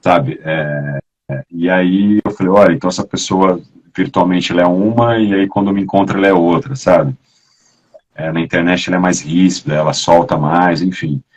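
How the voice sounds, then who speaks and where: A man talks as a guest in a relaxed, chatty way, often dropping casual fillers. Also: low voice, normal speed, breathy edge, muffled recording. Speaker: guest actor. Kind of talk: casual conversation.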